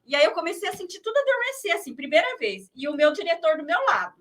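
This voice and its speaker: A woman's voice: very high voice, big pitch swings, quick pace. A woman hosting an interview show, chatty and welcoming toward viewers. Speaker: host. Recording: distant mic with faint noise.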